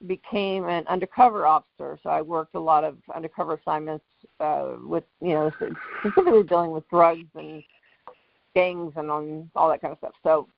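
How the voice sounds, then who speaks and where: A middle-aged woman, a former police officer, speaking in a measured, matter-of-fact way as a guest in an interview. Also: deep voice, steady tone, gravelly. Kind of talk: conference call interview. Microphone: phone on a conference call. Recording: muffled conference call line.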